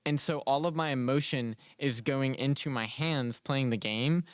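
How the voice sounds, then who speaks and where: A man giving relaxed, rambling play-by-play commentary on a college esports match. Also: mid-range voice, normal speed, dry recording. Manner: relaxed, rambling, filler-heavy. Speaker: esports caster. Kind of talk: casual game commentary.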